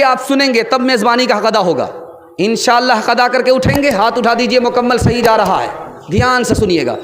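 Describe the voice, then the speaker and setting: A man preaching a sermon at a religious gathering, telling stories that build to shouted emphasis. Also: very high-pitched. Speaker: Islamic preacher. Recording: long reverb of a big venue.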